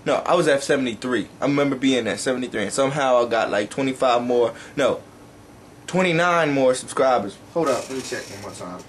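A man's voice: mid-range voice, a little fast, slight background noise. A young man rambling casually in a vlog, talking while eating and swearing offhandedly. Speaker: YouTuber.

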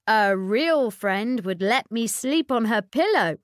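A woman voicing a small talking frog from a storybook, calm and persistent, in a slow, lively read in a dry room. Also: a little high, no echo. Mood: insistent. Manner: calm, reasonable, insistent.

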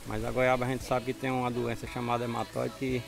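Outdoors on a farm, a middle-aged man from Ceará gives a casual interview in a gravelly, monotone, medium-pitched voice, talking quickly and plainly with a northeastern Brazilian accent. The handheld microphone has a furry windscreen, and music can be heard behind him.

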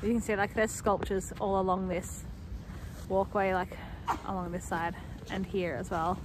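A woman's voice: medium pitch, little pitch movement, normal speed. A young Australian woman chatting casually to a handheld camera in a snowy city, full of "like" and "um" fillers. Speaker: travel vlogger. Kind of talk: casual travel vlog chat. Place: snowy city streets and parks outdoors. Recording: outdoor street noise behind.

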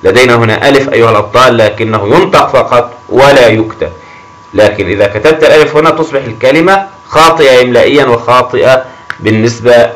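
A man teaching a grammar lesson to young children, encouraging and often praising them, stretching words slowly as he reads them aloud. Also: mid-range voice, a bit bright, low-quality recording. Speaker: primary school teacher.

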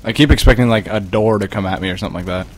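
A man's voice: fairly low pitch, very fast. A man joking dryly with friends over gaming voice chat on a headset mic. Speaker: gamer.

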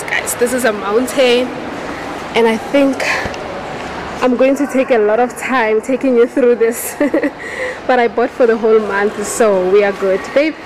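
A woman's voice: on the high side, background noise. Giggly young woman vlogging to camera. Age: young adult. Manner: chatty, giggly, talks straight to camera. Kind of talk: casual vlog chat. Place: shopping mall, then a home kitchen. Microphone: handheld camera at arm's length.

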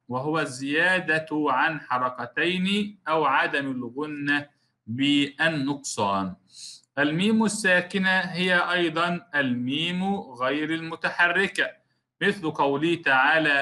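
Bright-voiced man teaching recitation rules. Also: a little high. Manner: explains step by step, repeats key terms, demonstrates recitation slowly; addresses students directly as a class. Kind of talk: recorded classroom lesson.

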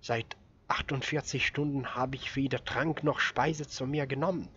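Hoarse young hunter guy, urgent and determined, a man doing the voice, bit lo-fi. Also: mid-range voice, steady tone, normal speed, fairly bright tone, lightly acted. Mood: hungry.

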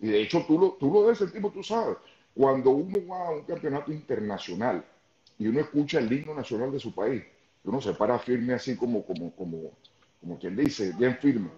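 A man's voice: mid-range voice, lively intonation, fairly quick, dark tone. A man in his fifties with a Venezuelan Spanish accent, a guest talking earnestly and emphatically on a video call. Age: 50s. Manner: earnest, emphatic, repeats words when starting. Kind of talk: casual chat on a video call. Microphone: headphones on a video call. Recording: echoey, dull lo-fi video call.

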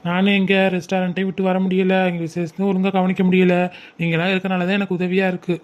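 A man playing a calm, grateful elder relative who runs a restaurant, in a family web series. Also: high-pitched, quick pace, lightly acted. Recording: muffled lo-fi recording.

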